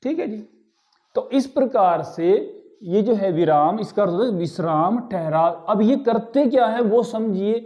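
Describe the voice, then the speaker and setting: A man's voice: sits high, expressive, a little slow, mellow. A man teaching a grammar lesson, explaining step by step and often checking in with his class. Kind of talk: classroom lecture.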